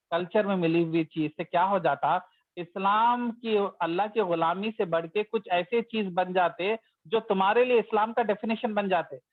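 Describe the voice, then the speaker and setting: A man with a fairly high voice teaches religion as casual conversation. He tells the story as he goes and now and then acts out the complaints of the people in it. The sound is dry and tinny, like a phone call. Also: no room sound. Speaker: Islamic teacher.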